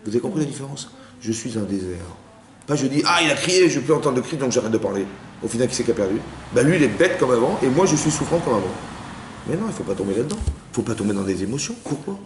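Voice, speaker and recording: Teaching Torah aloud to women gathered in a lecture room, a rabbi speaks at a quick pace in an expressive, medium-pitched voice. He mixes in Hebrew words and often asks whether everyone understood, while the roomy audio holds faint background noise.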